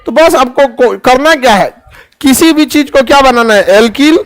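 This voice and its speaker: High-voiced chemistry teacher. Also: male voice, normal speed. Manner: animated, joking, acts out little scenes. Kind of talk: classroom lecture.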